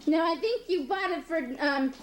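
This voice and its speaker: A woman's voice: extremely high pitch, animated, normal speed, noisy background. A young adult woman, a daughter at her mother's birthday in a family home, chatting casually and coaxing the dog in a sing-song. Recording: echoey room.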